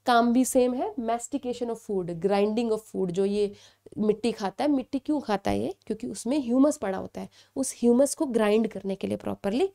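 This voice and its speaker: A woman's voice: on the high side, fairly quick, creaky, dark tone. A young woman teaching an exam-prep biology lecture, explaining step by step, asking students questions and checking in often.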